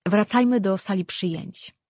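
A reader doing a composed, matter-of-fact priestess. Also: female voice, mid-range voice, measured pace, darkish tone, no echo, studio quality. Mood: brisk. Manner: matter-of-fact, dryly patient. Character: composed young priestess and healer. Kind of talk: audiobook character reading.

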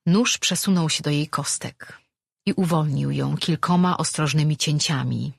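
Husky-voiced audiobook narrator. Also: medium pitch, no room sound, studio quality. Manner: steady, measured storytelling. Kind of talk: scripted narration.

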